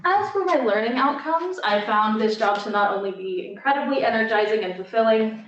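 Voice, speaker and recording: A woman's voice: a little high, lively intonation, a little fast, a bit bright. A young woman student presenting her internship slides with enthusiasm. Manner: enthusiastic, gets emotional and choked up near the end. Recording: echoey, distant, dull lo-fi sound.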